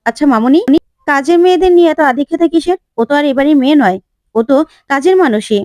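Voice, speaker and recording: A woman voicing a sharp-tongued, spiteful young wife who scolds in quick, cutting lines. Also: high-pitched, expressive, no echo, voice pushed up.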